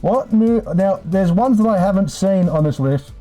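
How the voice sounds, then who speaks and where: Background music plays as a live streamer chats casually with his viewers, whom he calls mates, in a relaxed and sweary way. His high voice is warm, with lively intonation and a normal speaking speed.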